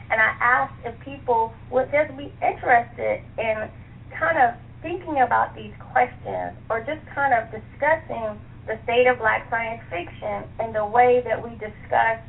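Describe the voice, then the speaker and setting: A middle-aged American woman, appearing as a guest author, chats casually and laughs a lot in a radio-style interview conducted over the phone. Her voice is fairly high and gravelly, and the line sounds tinny with faint noise.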